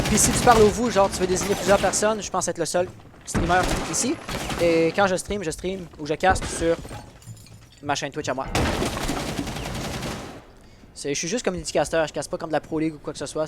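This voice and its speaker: A man casting an esports match solo on his stream, chatty and answering chat between plays. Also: on the high side. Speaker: esports caster. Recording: game gunfire noise behind.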